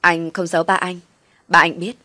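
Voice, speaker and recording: A woman voicing a young husband who calmly reassures his wife. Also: lowish voice, normal speed, no echo. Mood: reassuring. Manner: gentle, reassuring.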